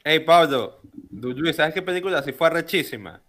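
Bright-voiced, exclaiming man. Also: fairly high pitch, lively intonation, moderate pace. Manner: exclaims, pushes his own picks. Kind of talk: casual group chat about films.

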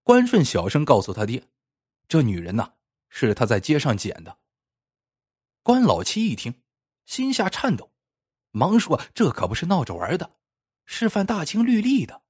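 Husky lively male storyteller. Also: a little high, moderate pace, pauses often. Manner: lively storytelling, plainly voicing characters' speech. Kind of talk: scripted story narration.

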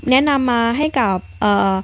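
A woman voicing the confused young heroine of a story game, grumbling to herself in a slightly raised, slowed voice. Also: close to an everyday voice. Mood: puzzled. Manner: wondering, grumbling aloud to herself.

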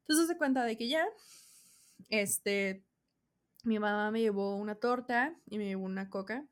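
This young adult woman, a vlogger with a Mexican accent, tells a casual storytime at a moderate pace in a medium-pitched voice. She's animated and full of slang, acting out what people said.

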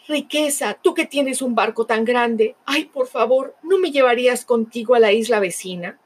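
A woman's voice: fairly high pitch, normal speed, slightly rough, pitched above the performer's own voice. A woman playing desperate, pleading Love. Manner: pleading, calling out urgently. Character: Love, a desperate stranded male emotion.

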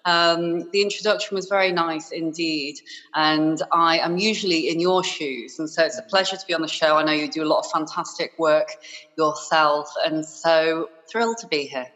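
A woman's voice: low-pitched, fairly even intonation, normal speed, fairly bright tone, in a large hall, poor audio. A woman from Hong Kong raised in England, talking effusively as a podcast guest with many fillers. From born in Hong Kong, raised in Yorkshire, England. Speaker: podcast guest, business owner. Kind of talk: conversational interview.

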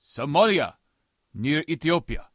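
A proud pirate, played by a man, stern and scornful. He speaks in stiff, formal English with a voice that moves a lot in pitch. The audio drama recording is dry and close. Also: big pitch swings, measured pace, no echo. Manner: stiff, formal, non-native English phrasing.

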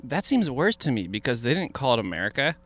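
A man's voice: medium pitch, very animated, fast talker, fairly bright tone. A man co-hosting a podcast in a joking, casual chat outdoors, laughing often. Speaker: podcast co-host.

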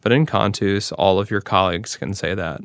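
A man's voice: fairly low pitch, moderate pace, a bit bright, no room sound, studio quality. An American man from near Cleveland, a singer answering interview questions in a direct, earnest, explanatory way. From near Cleveland, United States. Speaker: professional singer, interview guest.

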